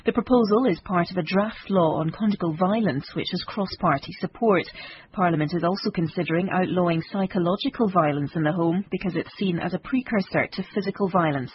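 A British woman reading a scripted radio news bulletin in a measured, formal manner. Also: fairly low pitch, breathy edge, dull audio. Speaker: newsreader.

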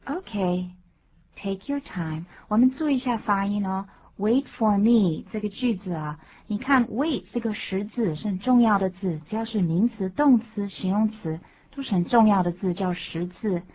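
A woman co-hosting a bilingual radio English lesson, saying phrases slowly and explaining pronunciation. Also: mid-range voice, breathy edge. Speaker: English teacher co-host. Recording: phone-like lo-fi sound.

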